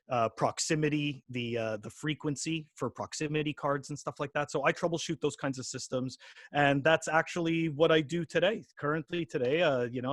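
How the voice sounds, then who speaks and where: A man in his forties from Quebec, Canada, appears as a podcast guest in a casual interview chat, rambling with lots of restarts and fillers. His voice is a little high. The sound is clean and dry, like a studio.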